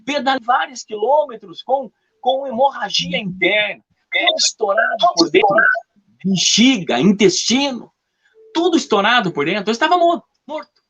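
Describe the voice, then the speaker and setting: A man's voice: big pitch swings, moderate pace, fairly bright tone, slightly rough. A man giving a fervent, repetitive testimony as a guest in a live interview. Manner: fervent, repetitive storytelling with dramatic pitch swings.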